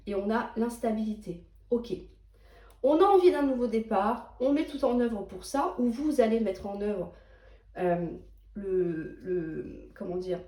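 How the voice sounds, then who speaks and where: A woman's voice: on the high side, dark tone, echoey room. Chatty woman reading tarot. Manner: reassuring, chatty, checks in with "d'accord?". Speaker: tarot reader. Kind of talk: tarot card reading monologue.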